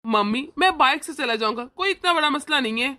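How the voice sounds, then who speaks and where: A woman voicing a kind, indulgent young brother in an animated family cartoon, speaking gently and reassuringly. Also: high-pitched, brisk.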